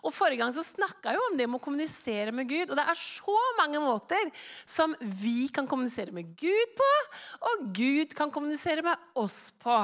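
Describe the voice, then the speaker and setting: A middle-aged woman preacher telling a lively personal story in a chatty way, with many fillers, before turning to a devotional talk. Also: sits high.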